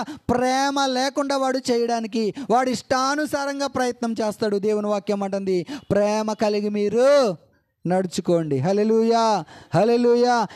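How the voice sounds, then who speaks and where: High-pitched fervent male preacher. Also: darkish tone. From India. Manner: fervent preaching with repeated hallelujahs and prayer quotes. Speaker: pastor. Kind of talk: sermon.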